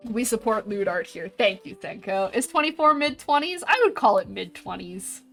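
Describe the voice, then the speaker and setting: A woman's voice: mid-range voice, lively intonation, moderate pace, creaky. A woman in her twenties chatting casually with her stream viewers while drawing, reading their messages aloud and laughing often. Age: 20s. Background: faint background music.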